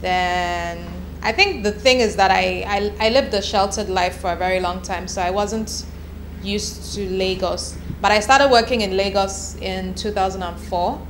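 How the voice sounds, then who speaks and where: A Nigerian woman in her thirties, a copywriter, answers interview questions candidly and chattily, restarting her sentences at times. Her voice is mid-range and her pace measured. The room is echoey, with background noise.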